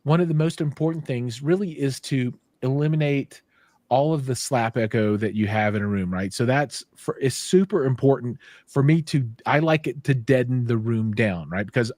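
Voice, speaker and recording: A man's voice: mid-range voice, a little mellow, no echo. Dry-sounding man in his fifties hosting. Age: 50s. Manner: self-deprecating, halting with restarts. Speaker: show host. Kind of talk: casual livestream chat.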